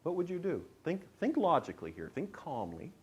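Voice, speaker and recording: A man's voice: fairly high pitch, fairly quick, breathy edge. A middle-aged man giving a lecture on presentation skills, often putting questions to his listeners. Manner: lively, asks the audience questions. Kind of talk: classroom lecture.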